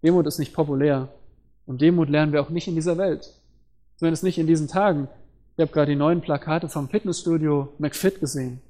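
A man delivers a sermon in an earnest teaching tone, explaining scripture and asking rhetorical questions. His voice sits a little high for a man. Its tone is mellow and dark rather than bright. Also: steady tone, fairly quick. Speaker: preacher.

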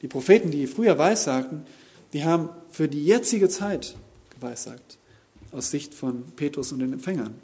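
A man preaching an expository sermon, teaching deliberately and with emphasis. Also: fairly high pitch, lively intonation, warm tone, breathy edge.

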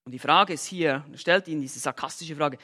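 A man preaching an expository sermon, emphatic and full of rhetorical questions and sarcastic asides, swinging between loud bursts and quiet lines. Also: fairly high pitch, a little fast.

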